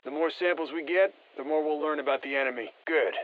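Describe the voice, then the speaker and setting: On the high side and a little fast, this man's voice has a phone-quality sound. Voicing a confident, folksy soldier for a video game, he delivers colloquial, clipped tactical briefings through a radio filter in a steady, matter-of-fact mood.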